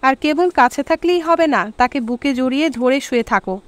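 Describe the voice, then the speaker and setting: A woman narrating a short story for an audiobook in an expressive reading style. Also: high-pitched, normal speed, dry recording. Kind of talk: scripted narration.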